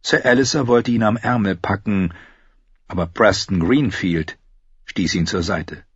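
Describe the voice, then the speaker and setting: A man's voice: on the low side, measured pace, husky, no echo, highs cut off. A man narrating a fantasy novel as an audiobook, storytelling with drama. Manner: storytelling, dramatic, with character voices.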